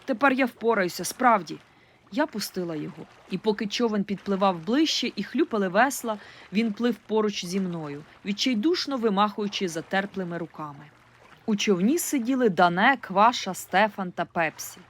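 A woman reading a first-person audiobook in an expressive, lively storytelling manner. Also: mid-range voice, normal speed. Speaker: audiobook reader.

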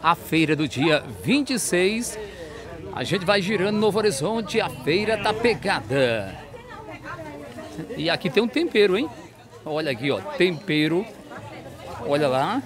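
Hosting a walking vlog through an outdoor street market, a man with a Northeastern Brazilian accent chats with vendors and asks their prices. His high-pitched voice is sing-song and a little slow with frequent pauses, a crowd audible behind his handheld mic.

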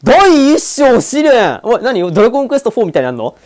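A man giving casual commentary over a game, excitable and joking as he talks back at the screen. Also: high-pitched, very fast. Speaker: let's-play streamer.

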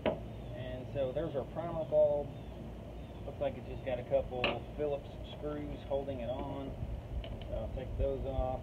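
A man in his thirties talks through a hands-on fix in an easy, practical way, as if showing a friend. The sound is thin and phone-like. Clear background noise from outdoors runs under his voice. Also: mid-range voice, unhurried. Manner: relaxed, step-by-step explaining while working with tools. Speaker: DIY repair vlogger. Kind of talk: casual how-to narration. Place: outdoors at the open back of a vehicle. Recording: tinny phone audio, noisy outdoor background.

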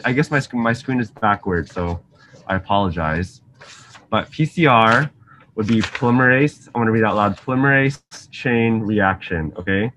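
A faint hiss sits over the webcam call as a young male graduate student from Singapore, a science outreach teacher, gives a casual online science lesson. His lower voice is a bit bright and chatty. Speaking from an indoor lab office with shelves, he's friendly, says um a lot and keeps asking his students questions.

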